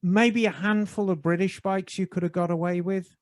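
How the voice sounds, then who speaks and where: A man hosting a podcast, asking measured, thoughtful questions in a casual chat. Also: sits high, fairly even intonation, no echo. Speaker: podcast host.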